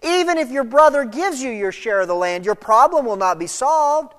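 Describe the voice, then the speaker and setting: A pastor preaching a sermon to a congregation in an emphatic, animated way, with chatty asides and a cough from allergies. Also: sits high, moderate pace. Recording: long hall reverb.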